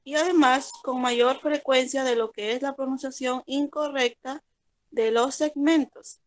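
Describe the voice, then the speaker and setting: A woman student reading her part of a class presentation in a careful, even way. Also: high voice, a little slow.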